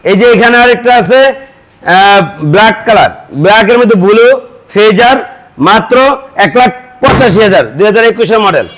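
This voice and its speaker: A man with a very high-pitched voice and a Bangladeshi Bengali accent works through a showroom sales pitch. He is a used motorbike salesman who lists selling points and prices in a practised patter, item after item. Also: moderate pace, fairly bright tone, poor audio.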